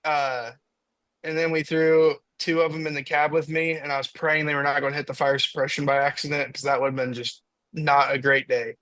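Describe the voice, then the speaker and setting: A man's voice: a little high, flat delivery, moderate pace, a bit bright, dry recording, low-quality recording. A young man from Indiana, a diesel truck racer on a podcast, telling a story in casual chat and acting out his own quotes.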